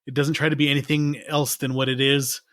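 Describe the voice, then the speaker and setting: A man in his forties co-hosting a movie podcast in relaxed chat, rambling and laughing often. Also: mid-range voice, brisk, no echo, clean studio sound. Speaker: podcast co-host. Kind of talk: casual chat.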